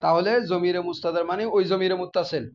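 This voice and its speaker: A man's voice: sits high, little pitch movement, fast, lo-fi sound. A man teaching a class, often asking his students questions and repeating the key terms. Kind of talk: classroom grammar lesson.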